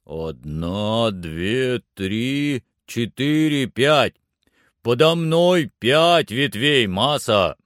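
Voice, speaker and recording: A man voicing a cautious, grumbling old servant in an audiobook, slow and plaintive. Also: mid-range voice, animated, a bit bright, dry recording, studio quality. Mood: wary, calling. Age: older. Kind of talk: audiobook character voice.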